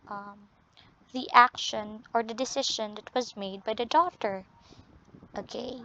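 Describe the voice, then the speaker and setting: Filipino lady teaching english, slow and deliberate, keeps saying no?, kinda muffled audio. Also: a little high, fairly bright tone. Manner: ends points with tag "no?"; drawn-out, deliberate delivery. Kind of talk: classroom lesson. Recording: dull lo-fi audio.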